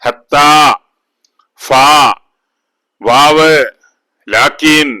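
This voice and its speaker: A man teaching an exam revision lesson as an Arabic teacher, repeating terms, asking pupils questions and chanting grammar rhymes slowly. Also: a little high, sharp tone, no room sound, low-quality recording.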